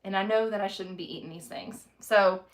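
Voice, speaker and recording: A woman's voice: mid-range voice, steady tone, fairly quick. A woman, a mother of five chatting candidly in a casual home vlog, rambling and self-deprecating. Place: home kitchen.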